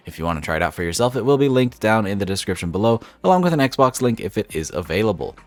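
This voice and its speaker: This gaming channel host is a young man whose cold leaves him sounding a bit stuffy. His lowish voice is very animated and quick as he guides listeners through a game mod one step at a time, upbeat and casual, on a dry recording.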